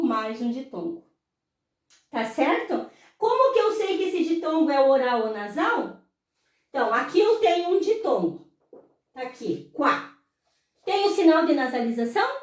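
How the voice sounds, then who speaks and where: Heard from far off the mic in a very echoey room, a high-voiced woman with a Brazilian Portuguese accent gives an unhurried explanatory lesson. She draws out and repeats her words and poses questions she then answers herself.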